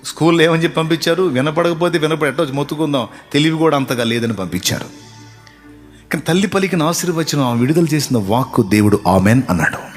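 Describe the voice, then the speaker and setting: A man preaching a sermon as pastor, telling stories and building to loud repeated appeals. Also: a little high, fast, faint music behind. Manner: storytelling that acts out quoted voices.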